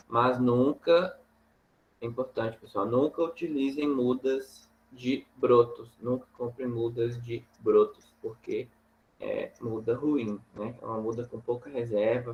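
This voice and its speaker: A man lectures on farming, pausing often and tagging his points with quick checks to the class. His voice sits at a middling pitch. A faint noise floor runs under the recording. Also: rough recording. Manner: halting, many fillers and tag questions. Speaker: agronomy instructor. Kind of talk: lecture over slides.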